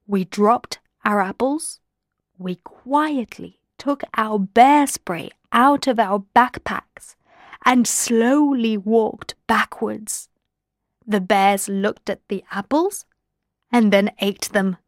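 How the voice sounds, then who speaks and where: A woman reading a workbook listening passage aloud, slowly and carefully. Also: medium pitch, no echo, studio quality. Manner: slow, clear, careful reading. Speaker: workbook audio reader. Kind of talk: scripted narration.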